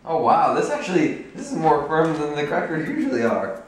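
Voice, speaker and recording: A man's voice: on the high side, sing-song, fairly quick, slight background noise. A man hosting a food vlog, chatting casually to the camera and laughing often. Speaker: vlog host. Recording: echoey room with faint music.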